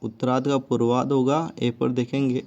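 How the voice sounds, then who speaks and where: A man's voice: mid-range voice, flat delivery, brisk, a little mellow. A man teaching a grammar lesson, steadily listing word pairs one after another. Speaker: Hindi teacher. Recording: dull lo-fi recording.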